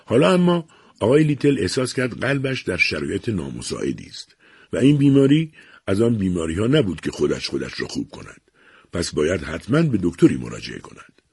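A male narrator reads a children's story with an animated, rising and falling delivery. His voice is very husky and breathy, somewhat low, and recorded dry and close. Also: dry recording.

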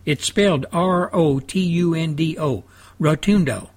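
A man from South Texas hosting a talk radio show from his studio, rambling through a folksy monologue in a fairly even, drawling voice with homespun asides. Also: a little high, measured pace.

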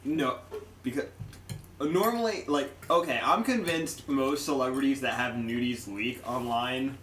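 Young dude joking around on a podcast, pitch jumps up when he gets into it, echoey room, faint hiss. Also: measured pace, distant mic. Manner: animated, jokey, voice jumps up when making a point. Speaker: podcast co-host. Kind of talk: casual crude podcast banter. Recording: echoey room, a bit off-mic.

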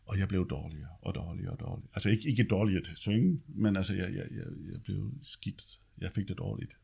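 Dark in tone and slightly rough with vocal fry, a man's deep bass voice narrates his life story casually. He keeps tacking on little check-ins and lets a swear word slip from time to time.

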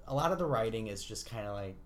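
A man's voice: fairly low pitch, lively intonation, quick pace, a little hiss or hum. A man chatting casually as a podcast co-host, laughing easily and acting out quotes. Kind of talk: casual chat.

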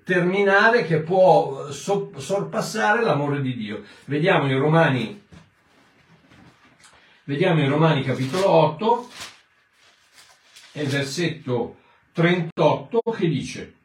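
A man's voice: on the high side, animated, takes it slowly, long pauses. Man preaching in an echoey room. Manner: explains scripture in a conversational, emphatic way. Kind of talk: Bible teaching sermon. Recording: echoey room, mic at a distance.

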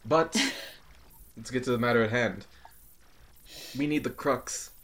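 A man's voice: medium pitch, fairly bright tone. Joking man at the game table. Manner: joking, quick banter. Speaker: player. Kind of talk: casual tabletop play.

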